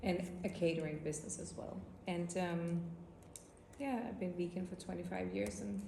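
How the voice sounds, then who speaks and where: A woman introduces herself in a chatty, easygoing manner, her voice full of gravelly fry. The room is echoey. Background noise runs underneath. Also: fairly low pitch, steady tone, moderate pace, warm tone. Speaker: guest. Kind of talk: casual self-introduction.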